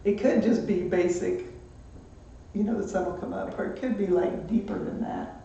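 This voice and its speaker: A man's voice: high voice, normal speed, gravelly, warm tone, slight background noise. A man teaching a math lesson on a live stream, chatty and upbeat, greeting students as they join. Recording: distant echoey muffled room mic.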